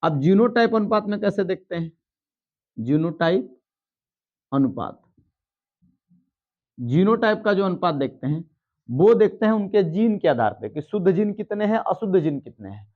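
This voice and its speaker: A man's voice: sits high, animated, brisk, dull audio. A man teaching a biology lesson at a board, explaining step by step and checking in with students. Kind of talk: blackboard lesson.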